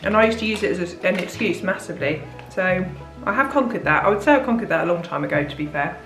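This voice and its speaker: A woman's voice: lowish voice, lively intonation, fast, fairly bright tone, soft background music. Woman, 30s, British accent, chatty food vlog, echoey kitchen. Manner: chatty, candid, laughs easily. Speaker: diet plan consultant and vlogger. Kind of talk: casual food vlog chat. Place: home kitchen.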